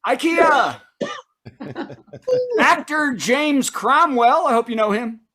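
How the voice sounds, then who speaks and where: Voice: sits high, animated, takes it slowly, pushed and bright. A comedy host delivering a punchy late-night style monologue, setting up news items and punchlines with asides to the audience.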